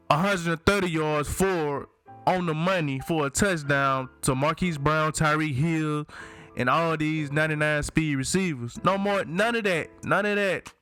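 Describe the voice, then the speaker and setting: Male gaming YouTuber, slightly high voice, Southern Alabama country accent, informal slangy opinion commentary, faint music underneath. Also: fairly bright tone, smooth. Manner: slangy, informal hype talk. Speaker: gaming channel host. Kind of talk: casual gaming review commentary.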